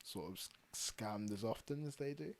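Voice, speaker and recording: A young man co-hosting a casual podcast chat, laughing often and trailing off quietly when he turns serious. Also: lowish voice, moderate pace. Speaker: podcast co-host.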